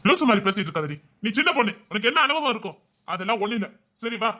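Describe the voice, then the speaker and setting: An actor playing a devoted husband who gently and insistently coaxes his wife, repeating himself as he pleads. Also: high voice, very animated, fast, full character voice. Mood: tender. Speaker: husband in a drama series. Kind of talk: emotional drama acting.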